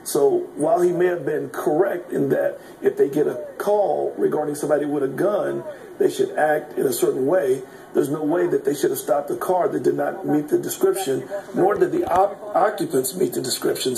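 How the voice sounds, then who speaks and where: A man who is an attorney, calmly and deliberately disputing a police statement in a news interview. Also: a little high, creaky, a little hiss or hum, low-quality recording. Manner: deliberate, argumentative.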